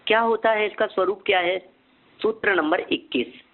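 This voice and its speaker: A man teaching a scripture lesson, asking and answering his own questions and repeating key terms slowly so they can be memorized. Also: sits high. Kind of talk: scripture lecture. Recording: phone-like narrow sound.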